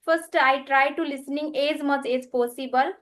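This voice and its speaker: A Nepali woman, a guest English learner, chats casually over a video call in halting non-native English with frequent restarts. Her first language is Nepali. Her high voice is steady and fairly bright.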